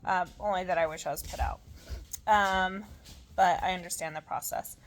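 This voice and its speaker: A tired woman recovering from surgery, talking in a casual, halting, rambling way as she shares an update. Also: lowish voice, fairly even intonation, a little hiss or hum. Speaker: vlogger sharing surgery recovery. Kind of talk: casual chat.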